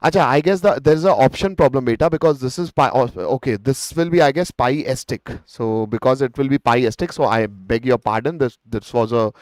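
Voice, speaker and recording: A man's voice: mid-range voice, fairly quick, few pauses, darkish tone, no room sound, low-quality recording. A man with an Indian accent teaching a live online revision lesson in an encouraging, coaching manner, dropping Hindi words into his English and addressing students directly. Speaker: chemistry teacher.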